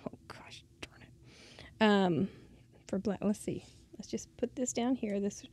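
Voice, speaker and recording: A middle-aged woman hosting a casual crafting tutorial, chatty and quick to laugh at her own mistakes. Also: medium pitch, husky, no room sound. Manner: chatty, self-deprecating, laughs at herself. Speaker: craft show host.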